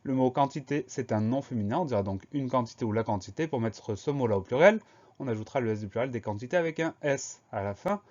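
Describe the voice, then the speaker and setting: A man's voice: mid-range voice, lively intonation, quick pace, darkish tone. Patient man spelling words aloud. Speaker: teacher. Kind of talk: spelling lesson. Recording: dull lo-fi recording.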